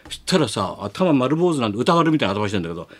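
A man's voice: medium pitch, sing-song, very fast, a bit bright. A man hosting a radio show, telling rambling anecdotes in casual chat and laughing as he talks. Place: radio studio.

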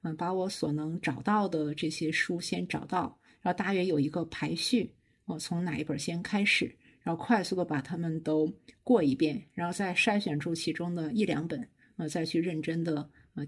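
A middle-aged woman professor, a podcast guest, explaining her habits in a measured, step-by-step way. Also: low-pitched, steady tone, breathy edge. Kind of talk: casual chat.

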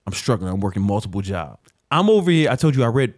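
A man's voice: fairly low pitch, fast talker, no room sound, studio quality. Profane, streetwise man talking books. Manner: animated storyteller who laughs at himself. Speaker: host ranking business books. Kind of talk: casual talk to camera.

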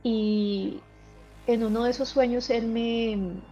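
A woman's voice, on the high side with a dark tone and fairly even intonation, comes through lo-fi audio with soft music in the background. She is a guest in a casual interview, sharing personal experiences in an earnest, emotional, halting way.

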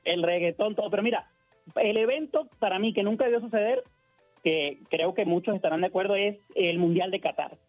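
A man from Venezuela calling in to a radio sports talk show, calmly laying out his opinion. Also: high-pitched, fairly quick, dry recording, soft background music. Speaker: caller. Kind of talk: casual phone call to a sports show. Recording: muffled phone line.

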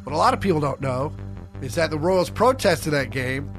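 A man's voice: on the high side, lively intonation, normal speed, soft background music. A man chatting casually about sports as a guest on a podcast.

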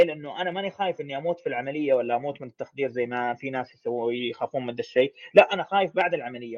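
A man, a podcast guest speaking frankly in a casual conversation, in long runs with restarts. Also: fairly high pitch. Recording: dull lo-fi audio.

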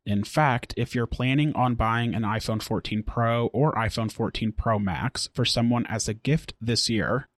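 A man hosting a daily tech news podcast, reading scripted stories and a sponsor spot in a steady, clear newsreader delivery. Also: mid-range voice, dry recording, studio quality. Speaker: podcast host.

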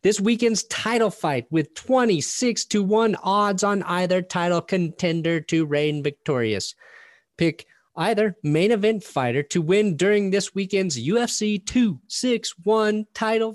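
Higher-voiced man rattling off a legal disclaimer. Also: no echo, studio quality. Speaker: sports talk show host. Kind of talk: sponsor ad read ending in legal disclaimer.

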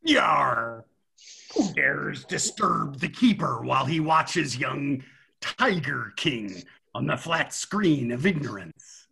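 A man playing a gruff old lighthouse keeper who growls in pirate-style sailor talk. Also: mid-range voice, very animated, slow, bright, forceful tone, exaggerated voice.

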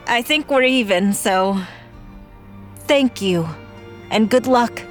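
A spirited young princess, voiced by a woman, in a high, clear voice, frank and bold. Soft music sits behind her in this storybook telling. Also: slow. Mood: fond.

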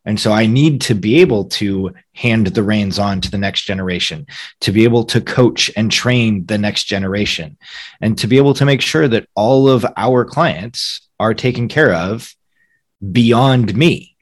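Male podcast co-host, lower register, thoughtful explanatory conversation. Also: normal speed. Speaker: podcast co-host, financial advisor.

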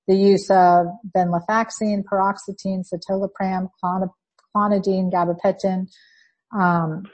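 A woman's voice: medium pitch, darkish tone, slightly rough. A woman with a Spanish accent hosting a health interview, speaking fluently and in detail, with occasional restarts. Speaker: podcast host. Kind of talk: conversational interview.

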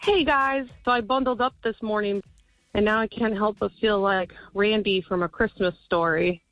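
A woman's voice: medium pitch, fairly even intonation, moderate pace, no room sound. A woman caller leaving a playful, whiny voicemail message, heard over a phone line. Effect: heard over a phone line as a played voicemail. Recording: tinny phone line, faint music.

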